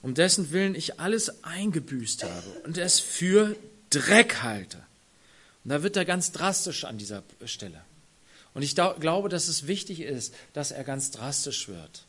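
A man preaching a sermon who speaks straight to his congregation, dropping to near-whispers and then rising to loud, emphatic phrases. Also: fairly high pitch, husky. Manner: addresses the congregation directly.

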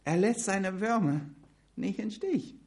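Male preacher, slightly high voice, slow and emphatic, addresses the congregation directly. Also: expressive, creaky, a little mellow, slightly rough. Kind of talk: sermon.

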